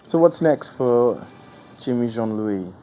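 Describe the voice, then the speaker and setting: A man's voice: medium pitch, lively intonation, slow, warm tone. Polite male TV interviewer. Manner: polite, formal questions.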